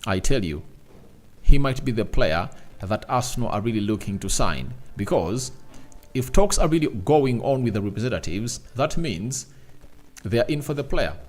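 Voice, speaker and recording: A man hosts a casual solo football transfer news show, rambling, speaking directly to his viewers, and repeating "obviously" and "I tell you." His voice is medium-pitched with wide pitch swings, at a moderate pace.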